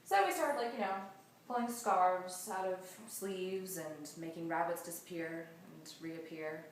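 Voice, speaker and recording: In an echoey room, recorded from a distance with faint noise, a woman rambles through a casual, improvised comic story with offhand asides. Her voice is on the low side and a little slow.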